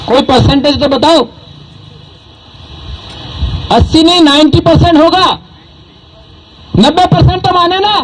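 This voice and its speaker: A community speaker from southern Rajasthan, India, a native Bhili speaker, rouses a crowd from the stage at a public event. His high voice holds a steady tone at a measured pace, he pauses often, and he is emphatic, quizzing listeners with rhetorical questions. The poor recording has a little hiss or hum.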